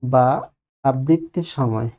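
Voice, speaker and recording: A man's voice: medium pitch, slow, darkish tone. Male teacher, West Bengal Bengali accent, exam-prep lesson, repeats himself, asks and answers his own questions. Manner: drags out vowels to demonstrate.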